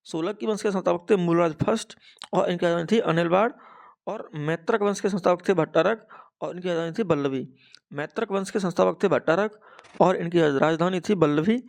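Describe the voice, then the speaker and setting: Gravelly-voiced man drilling exam facts. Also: high voice, fairly quick, a little mellow. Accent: Hindi. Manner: repeats each fact twice, dictation-like. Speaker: exam coaching teacher. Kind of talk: rote exam-prep lesson.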